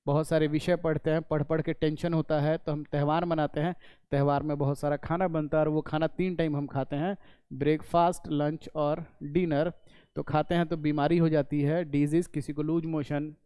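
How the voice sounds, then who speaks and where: A man teaches an English lesson in a slightly high, mellow voice. His tone is smooth and resonant, recorded close in a dry room. He goes step by step, repeating points and answering his own questions. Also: no echo. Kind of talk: classroom lesson explaining in Hindi.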